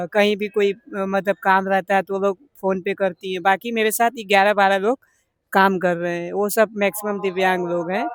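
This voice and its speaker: A man's voice: sits high, a bit bright, clean tone, no room sound, clean studio sound. A young man with a Banaras Hindi accent, answering interview questions earnestly, rambling with many fillers. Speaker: interviewed business owner.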